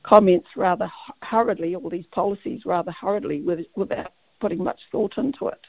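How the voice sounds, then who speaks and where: A woman with a croaky voice, calling in to a radio talk show and agreeing with the host, hesitant with many fillers. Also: lowish voice, brisk, no echo. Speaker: caller. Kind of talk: casual radio chat. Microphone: telephone. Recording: tinny phone line.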